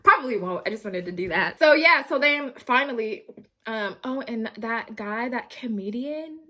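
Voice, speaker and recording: A young woman vlogger telling a casual storytime, animated and rambling, with lots of slang and swearing. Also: fairly high pitch, moderate pace. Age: young adult.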